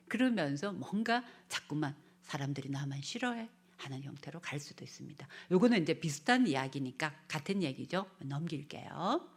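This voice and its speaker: Her voice sits low as she gives a lecture at a church family seminar, performing the parts of parents and children and occasionally dropping to a whisper.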